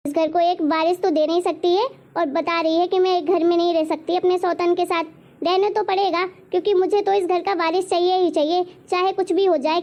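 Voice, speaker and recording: A woman voicing a harsh, scolding middle-aged mother-in-law in a cartoon story. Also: a little mellow. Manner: scolding, bossy, shrill.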